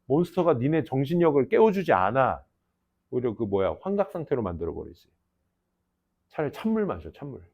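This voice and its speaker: A young adult man teaching an English class, lecturing students in a casual, teasing way with lively asides. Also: mid-range voice, fairly quick. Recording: dull lo-fi lecture recording.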